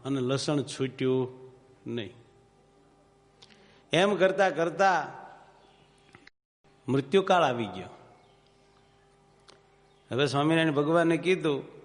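A man's voice: mid-range voice, in a large hall. A man with a Kathiawadi Gujarati accent, telling a moral story as a preacher in a homely, moralizing way and putting questions to his listeners. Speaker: religious preacher. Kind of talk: storytelling sermon.

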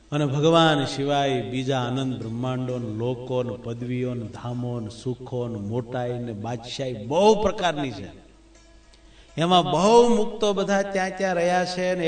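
A man delivers a devotional discourse in a chatty, questioning way. His voice sits a little high. The recording is distant and echoey, as if the mic was set back in a reverberant room. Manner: conversational, asks listeners "understood?". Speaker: religious speaker.

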